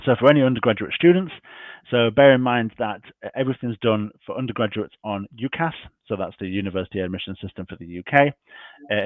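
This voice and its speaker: A lowish-voiced man, his voice failing, goes point by point through slides presenting university admissions details in an online session. Tinny, dry call audio with no room sound.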